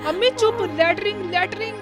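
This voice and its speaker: A woman's voice: extremely high pitch, brisk, music in the background. A woman playing an exasperated young wife in a comedy film, scolding and impatient.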